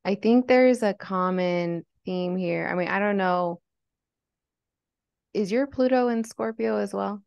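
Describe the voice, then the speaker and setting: A young Lebanese woman, guest on a podcast, tells a story candidly and earnestly, reflective and leaning heavily on "like" as a filler. Her mid-range voice is gravelly, a little mellow and smooth, moving at a measured pace. The recording is lo-fi with no echo.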